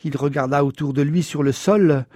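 A man reading a novel aloud in the first person, measured and somber. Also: a little high, warm tone, dry recording, studio quality. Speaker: audiobook narrator. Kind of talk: scripted first-person narration.

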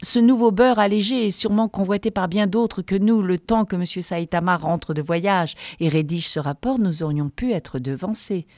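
A woman voicing a soft, mortified office colleague. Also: mid-range voice, moderate pace, hardly any pauses, no room sound, studio quality, lightly acted. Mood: pleading. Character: humble, ashamed male office colleague.

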